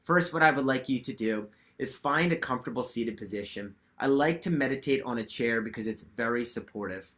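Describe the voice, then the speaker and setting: A man giving guided meditation instruction to viewers in a gentle, reassuring and measured way. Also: mid-range voice. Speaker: meditation teacher.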